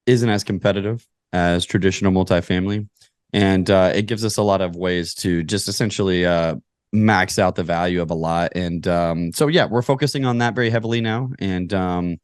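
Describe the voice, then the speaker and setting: This Kentucky-born real estate investor sits low in pitch and talks at a normal speed with a smooth sound. As a podcast guest he explains his answers step by step in a relaxed, conversational manner, captured in clean studio audio without echo.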